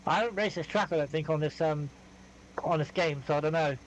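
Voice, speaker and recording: Guy calling a sim race on a headset, pretty high voice, jokey and quick with the banter. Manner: chatty, laughing, banter. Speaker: race commentator. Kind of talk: live sim racing commentary.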